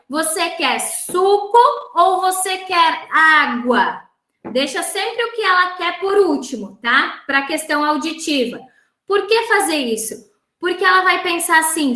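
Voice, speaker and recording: A Brazilian woman speech therapist giving a talk for parents, instructive, closing her points with a quick "tá?". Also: high-pitched, sharp tone. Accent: Brazilian Portuguese. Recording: roomy echo.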